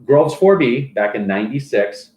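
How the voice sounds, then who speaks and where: A man's voice: mid-range voice, expressive, normal speed, a little mellow. A man acting as a fantasy football league commissioner, reading stats and mock sponsor plugs in casual banter. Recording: roomy echoey room.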